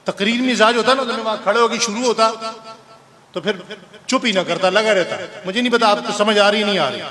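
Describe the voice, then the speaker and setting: High-voiced preacher with congregation behind. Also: male voice. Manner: storytelling, rhetorical questions to the audience. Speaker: mufti preacher. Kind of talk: conversational sermon. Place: mosque.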